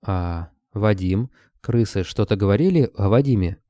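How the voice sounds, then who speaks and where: A man's voice: on the low side, lively intonation, normal speed, warm tone, dry recording, studio quality, close to an everyday voice. A man voicing a sarcastic, snappy red-haired young woman werewolf. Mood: curious.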